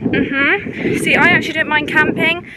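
Hiking a windy mountain trail, a young woman chats and rambles for her vlog, slightly out of breath and saying "literally" often. Her voice is high with fairly even intonation at a moderate pace, and heavy wind noise buffets the microphone.

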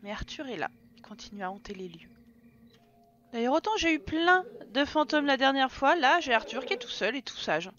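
Woman with French accent, high bright voice, teasing Let's Play host, dull lo-fi home mic. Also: expressive, moderate pace. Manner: chatty, teasing, scolds the game characters. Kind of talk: casual Let's Play commentary.

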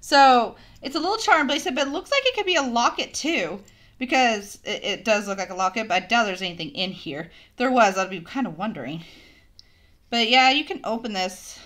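A woman's voice: a little high, animated, a little fast, fairly bright tone. A young woman gushing through a casual unboxing vlog on her phone camera, chatting to viewers. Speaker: unboxing vlogger.

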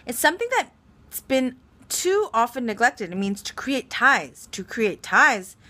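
A woman reading aloud and voicing a lonely, gentle male fox who patiently explains things. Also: on the high side, big pitch swings, unhurried, exaggerated voice. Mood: wistful.

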